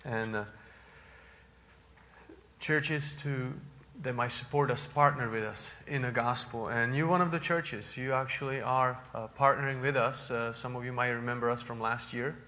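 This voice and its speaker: A man's voice: mid-range voice, fairly even intonation, moderate pace, sharp tone, long reverb tail. A man from the Czech Republic with a Czech accent, a visiting missionary addressing a church congregation earnestly, with many fillers and restarts.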